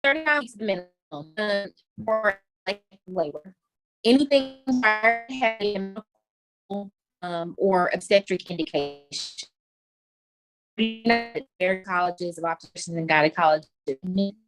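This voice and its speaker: A woman's voice: mid-range voice, unhurried, over music, low-quality recording. Woman doctor on glitchy, cutting-out call audio. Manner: relaxed, with many "um" and "like" fillers. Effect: glitchy video-call audio that keeps cutting out. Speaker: obstetrician-gynecologist guest physician. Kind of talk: casual explanation to students. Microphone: video call.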